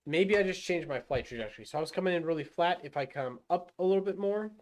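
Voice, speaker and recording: A man's voice: a little high, animated, quick pace. A man livestreaming a rocket game, thinking aloud and talking himself through each move. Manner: self-muttering with fillers and restarts. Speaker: gaming livestreamer. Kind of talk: casual live gameplay commentary.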